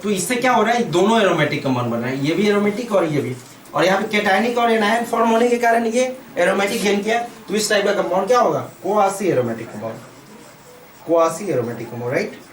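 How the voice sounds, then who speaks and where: Animated and high-voiced at a normal speed, this Indian-accented chemistry teacher lectures at the board, answering his own questions and reinforcing key terms through repetition. The room echoes, and the microphone sits far off.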